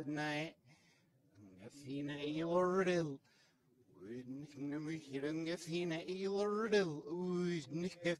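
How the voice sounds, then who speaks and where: A man giving a public talk on a handheld microphone, played backwards so the syllables come out reversed and garbled. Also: fairly high pitch. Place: indoor presentation room.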